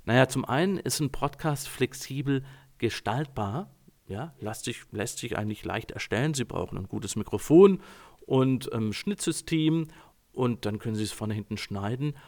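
A man working as a communication coach, talking calmly and directly to his listeners, addressing them formally. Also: medium pitch. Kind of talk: informal talk to listeners.

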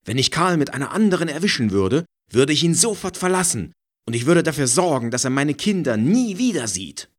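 A man voicing a jealous married woman who is assertive and emphatic. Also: lively intonation. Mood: vehement. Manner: emphatic, quick, rising pitch when heated.

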